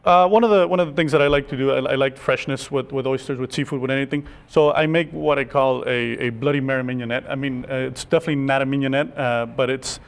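A chef guest with a medium-pitched, gravelly voice that's clear and resonant, with fairly even intonation, explains oyster sauces in a cooking demonstration. His explanations are quick and halting, full of restarts and filler words.

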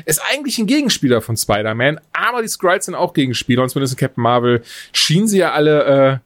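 A man with a fairly high voice talks in a loose, casual podcast chat. He is animated and digressive, wandering into quick asides. The sound is close and dry, with no room around him. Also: no echo. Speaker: podcast host reviewing films.

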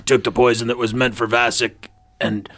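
A man's voice: mid-range voice, gravelly, sharp tone, breathy edge, full character voice. A man voicing a panicked character who stammers and pleads, shifting the blame in a tabletop game. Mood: pleading. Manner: stammering, halting, with coughs.

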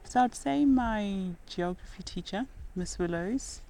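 Here the same kind of guest, a Zimbabwean nurse who also rock climbs, talks in a podcast interview, earnest and reflective, with occasional laughter between stories. She has a medium-pitched, dark, expressive voice and keeps a measured pace. Soft music plays in the background.

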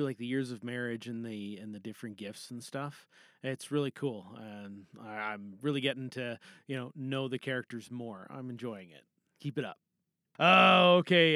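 A podcast host gives feedback to fellow podcasters in a casual, rambling solo chat full of film opinions, often trailing off or rephrasing mid-sentence. His medium-pitched voice has a fairly bright tone, and the recording is dry and studio quality.

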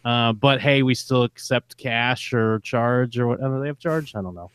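A man co-hosts a laid-back podcast and talks his way through points with many fillers and restarted phrases. His voice sits at an ordinary male pitch. The sound is dry and close to the mic. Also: moderate pace, clear, resonant tone, no room sound. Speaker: podcast co-host. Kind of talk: casual chat reviewing a TV show.

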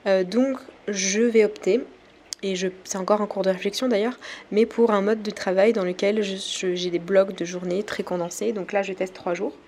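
A woman from France talks through her own podcast episode in a casual, halting way, often pausing with fillers. Her pitch sits in a middle range. Faint ambient noise hums behind her. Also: fairly even intonation, a little mellow. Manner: hesitant, many pauses and fillers. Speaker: podcast host. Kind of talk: casual solo podcast talk.

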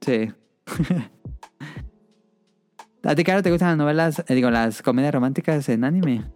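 A man's voice: fairly high pitch, normal speed, a little mellow, soft background music. Laid-back man hosting a podcast. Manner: laid-back, steers the conversation. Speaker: podcast host. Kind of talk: casual podcast chat.

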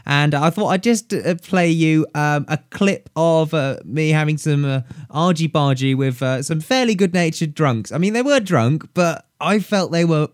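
A man's voice: fairly high pitch, moderate pace, hardly any pauses, dry recording, studio quality. Posh-voiced man telling comedy stories. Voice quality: posh-sounding voice. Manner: chatty, self-deprecating, laughs often. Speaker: podcast host and comedian. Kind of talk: casual storytelling narration.

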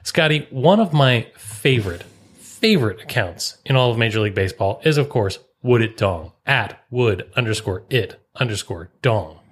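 A man co-hosting a casual sports podcast in a mid-pitched voice. He reads out tweets and drops dry, joking asides between them. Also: expressive, moderate pace, breathy edge. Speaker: podcast co-host.

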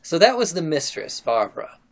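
A man's voice: a little high, very animated, a little fast. A man hosting a casual podcast, retelling a memoir and reading passages aloud, laughing often. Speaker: podcast host.

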